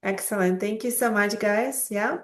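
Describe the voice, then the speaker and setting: A woman's voice: medium pitch, normal speed. A woman moderating a live online student conference over a video call, chatty and encouraging, with many fillers.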